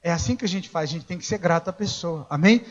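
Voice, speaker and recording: A man preaching a sermon as pastor, telling stories in a conversational way, acting out the dialogue and now and then rising to a shout. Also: a little high, fast talker. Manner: conversational storytelling, acts out dialogue, rises to shouting. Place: church. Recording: dull lo-fi church recording.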